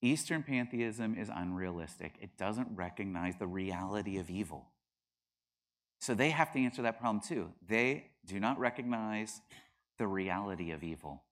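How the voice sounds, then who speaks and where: Animated man lecturing a class. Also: on the low side. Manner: animated, acts out quoted voices with bursts of laughter. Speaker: teacher.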